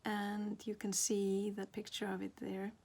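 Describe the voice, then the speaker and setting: A woman's voice: mid-range voice, completely flat delivery, unhurried, gravelly, darkish tone. A woman, a glass artist presenting her work in a reflective way, often stopping to search for words. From Iceland. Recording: very roomy, distant mic, noisy background.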